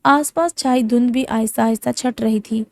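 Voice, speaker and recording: A woman narrating a romance novel audiobook with steady storytelling, close to the mic. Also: fairly high pitch. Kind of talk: novel reading.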